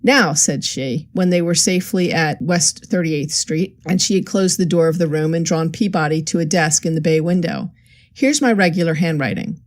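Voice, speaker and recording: A woman narrating a crime story aloud in a steady, even manner. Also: low-pitched, moderate pace, hardly any pauses. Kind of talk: audiobook narration.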